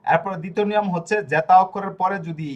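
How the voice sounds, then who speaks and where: Male language teacher, a little high-pitched, patient and repetitive, sounds out syllables slowly. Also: highs cut off. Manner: patient, repeats rules and breaks words into syllables slowly. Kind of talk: explaining Italian pronunciation in Bengali.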